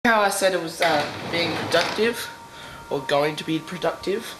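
A man's voice: on the high side, normal speed. Young guy with a stuffy nose, rambly vlog chat, echoey room, noisy background. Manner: rambling, chatty, laughs often. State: stuffy nose and sore throat. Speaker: vlogger. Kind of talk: casual video diary. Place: at home, indoors.

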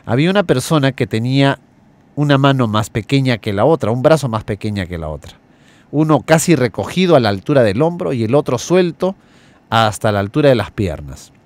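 A man hosting a motivational radio talk, earnestly addressing listeners and slowly listing words. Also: medium pitch, sing-song. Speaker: radio host.

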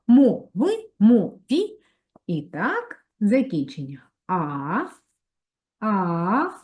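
A woman teacher giving a primary school grammar lesson, dictating slowly and spacing each word clearly. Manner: slow, clearly spaced dictation, lively sing-song pitch. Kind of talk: online grammar lesson for third graders.

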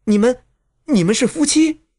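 A man's voice: high voice, wildly swooping pitch, fairly quick, husky, pitched above the performer's own voice, full character voice. A man voicing an earnest, indignant young swordswoman in an audiobook. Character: upright young woman swordfighter.

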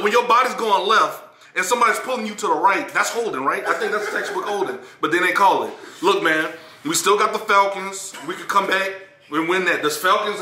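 A man's voice: sits high, sharp tone. Upbeat man with fillers, echoey room. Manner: hopeful, halting with many fillers. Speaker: show regular and guest. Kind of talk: casual sports reaction talk. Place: living room at home.

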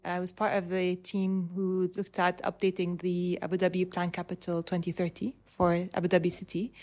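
Speaking at a fairly low pitch, a thirtysomething urban planner from Dubai gives measured interview answers, pausing on ums and starting phrases over.

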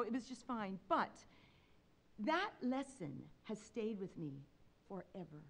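A woman gives a talk from a stage, telling a personal story with dramatic, animated delivery. Her voice sits a little high, and its pitch swings widely from phrase to phrase. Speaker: speaker, concert pianist. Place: stage talk before an audience.

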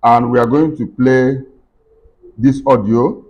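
A middle-aged, deep-voiced tech tutorial host talks slowly through a screen-recorded software walkthrough at his computer desk indoors. He goes step by step, with plenty of fillers and restarts. The lo-fi screen recording sounds dull.

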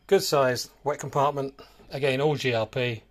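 Male broker, walkthrough tour, short listing phrases, mid-pitched, camera mic aboard a boat. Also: steady tone, normal speed. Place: aboard a small motor boat, cabin and cockpit.

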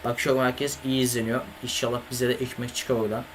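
Speaking fast in a level, medium-pitched voice, a young man streams games live from home on a desk microphone, with background noise. He chats casually with viewers, talks to chat, and swears and grumbles at his computer.

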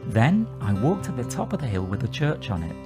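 He's very animated and talks fairly quickly in a mid-range voice, a man in his forties hosting an explanatory vlog in a conversational yet methodical manner. Background music mixes with clear ambient sound from outdoors and the inside of a moving car.

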